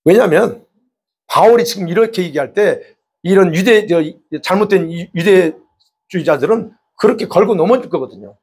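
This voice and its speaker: A man's voice: sits high, lively intonation, moderate pace, a little mellow, slightly rough. A pastor preaching a sermon, explaining with rhetorical questions, repeating and stressing his points. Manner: emphatic.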